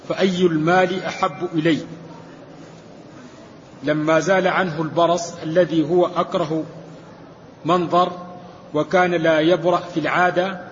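A man reading a classical commentary aloud to a teacher in a lesson, in a steady, measured recitation. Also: fairly high pitch, a little hiss or hum. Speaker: student reading the text aloud. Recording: dull recording with long hall reverb.

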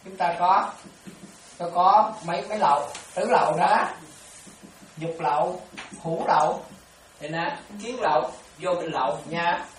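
Lady giving a dharma talk, low-ish voice, far from the mic in a really echoey room. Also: measured pace, long pauses, slight background noise. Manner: repetitive, keeps checking whether listeners follow. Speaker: Buddhist teacher. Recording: echoey room, distant mic, faint ambience.

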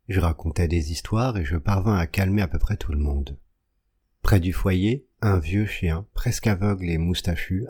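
A man reading a classic short story aloud as an audiobook in a measured, deliberate manner. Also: low-pitched, warm tone, breathy edge. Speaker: audiobook reader. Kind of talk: literary audiobook narration.

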